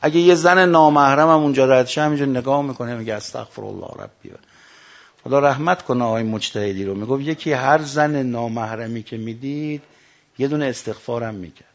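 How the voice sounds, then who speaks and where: A man preaching a sermon, telling stories and quoting sayings, rising to loud emphatic lines and dropping to hushed quotes. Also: mid-range voice. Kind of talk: religious sermon with storytelling. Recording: dull lo-fi recording.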